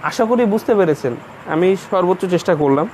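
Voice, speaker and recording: A man's voice: high-pitched, lively intonation, quick pace, darkish tone, slight background noise. A man teaching an English grammar class in Bengali, explaining patiently and going over each point again. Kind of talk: online class lecture.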